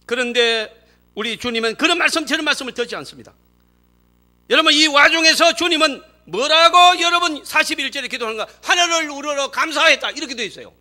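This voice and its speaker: A man preaching a sermon in church as pastor, animated and emphatic, acting out quoted speech. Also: extremely high pitch, quick pace. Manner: acts out quoted speech in dramatic voices.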